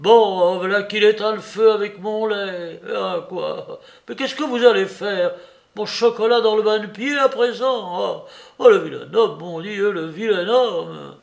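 A man's voice: measured pace, vocal fry. A man reading an audiobook, voicing a fussy, indignant old male clerk who wails his protests. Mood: wailing. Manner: shrill, wailing protests. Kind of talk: audiobook character voice.

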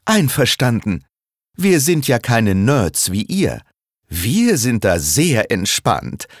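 A man voicing a relaxed mother who teases her husband with smug, mock sympathy, in a read-aloud storybook. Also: medium pitch, slow, no echo, clean studio sound, voice pushed up. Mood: amused. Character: a mother, relaxed, teasing, quiz fan.

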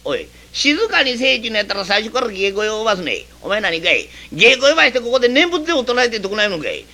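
A man's voice: high-pitched, sing-song, fast, voice pushed up, exaggerated voice. A man voicing a boastful, rowdy young traveler with a Kansai accent, partying at an inn in a comic storytelling performance. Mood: indignant. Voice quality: loud, brash, threatening. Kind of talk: Kamigata rakugo storytelling.

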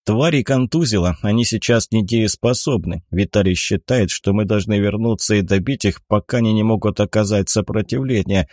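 A man reading an audiobook voices a calm male leader giving steady orders. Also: fairly low pitch, moderate pace, hardly any pauses, dry recording, clean studio sound, close to an everyday voice. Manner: steady, commanding.

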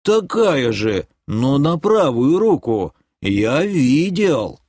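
A man voicing an eccentric, cheerful old male creature grandpa in an audiobook, with a drawling, unhurried, carefree manner. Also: medium pitch, very animated, darkish tone, no echo, clean studio sound, voice pushed up. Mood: sly. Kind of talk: audiobook character voice.

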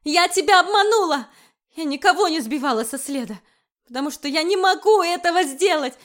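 A woman voicing a fiery young female archer who shouts back in a shrill, high voice. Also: lively intonation, a little fast. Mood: defiant, shouting.

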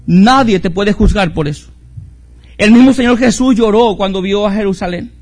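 High-voiced earnest preaching pastor. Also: male voice, normal speed, a little mellow. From Mexico. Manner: earnest preaching with rhetorical questions and repetition. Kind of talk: sermon.

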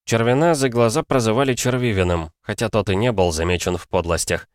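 A man with a somewhat low voice narrates an audiobook in a steady, measured reading. The recording is studio quality, with no room sound.

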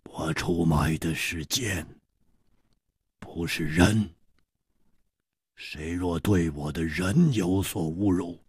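Man performing a cold hired swordsman, low murmur, icy and clipped, dry close sound, storytelling. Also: slow pace, pauses often, slightly rough, no room sound, exaggerated voice. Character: cold aloof male swordsman for hire. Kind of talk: Chinese storytelling.

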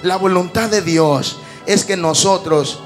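A man preaching a sermon, moving from calm storytelling to shouted exhortation and often calling out to the brothers. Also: high voice, takes it slowly, faint music behind. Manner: calls the congregation brothers often.

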